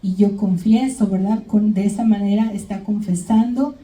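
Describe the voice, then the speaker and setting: Woman preaching with a dark, mellow voice. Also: mid-range voice, normal speed. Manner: retells Bible stories, keeps checking in with "¿verdad?"; addresses congregation as brothers and sisters. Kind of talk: sermon. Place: church. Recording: echoey church hall, mic at a distance.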